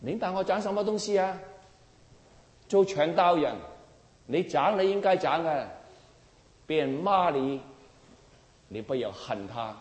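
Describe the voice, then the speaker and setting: A man delivers a sermon with forceful emphasis, his pitch leaping and falling dramatically as he presses rhetorical questions on his listeners. His voice sits a little high for a man. It rings out in a large hall with long, echoing reverb. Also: animated, unhurried, pauses often. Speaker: preacher.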